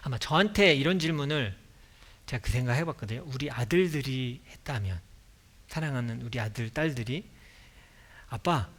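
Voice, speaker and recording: A man's voice: medium pitch, a little fast. A male pastor preaching a sermon in a church, acting out bits of dialogue and dropping to a whisper for emphasis. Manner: animated, acts out dialogue, drops to a whisper for emphasis. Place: church sanctuary.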